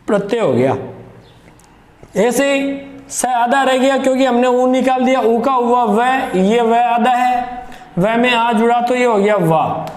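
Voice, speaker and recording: A man teaching Hindi grammar for exam preparation, slowly and emphatically, repeating key terms. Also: extremely high pitch, darkish tone. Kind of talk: exam-prep grammar lesson. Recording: echoey room with long reverb.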